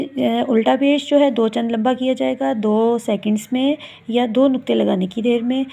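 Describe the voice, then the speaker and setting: A woman's voice: fairly high pitch, creaky, mellow. A woman teaching a recitation lesson to viewers, patiently drawing out each example sound and explaining step by step. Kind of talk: instructional video lesson.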